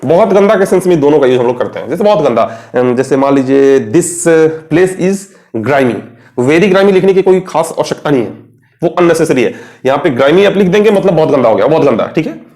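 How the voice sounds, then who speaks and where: A young man with an Indian accent talks through synonyms in a relaxed, conversational lesson. His voice sits a little high for a man. He keeps asking his listeners questions and then answers them himself. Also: brisk. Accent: Indian English. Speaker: English teacher. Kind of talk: Hindi-language vocabulary lesson at a board.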